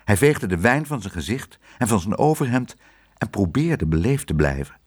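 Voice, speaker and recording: A man reading a children's book aloud, telling the story in an expressive, animated way. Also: lowish voice, moderate pace, breathy edge.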